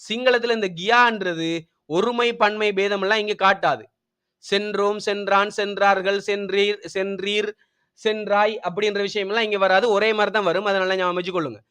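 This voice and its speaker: A man teaching an online language class, patiently repeating each word slowly for his students to copy. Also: high-pitched, steady tone, a bit bright, clear, resonant tone. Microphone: video call.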